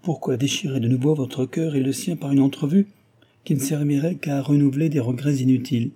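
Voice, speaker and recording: A man's voice: mid-range voice, fairly even intonation, fairly quick, warm tone, breathy edge, voice pushed up, lightly acted. A man reading aloud and voicing a stern, dignified older noblewoman who argues earnestly and persuasively.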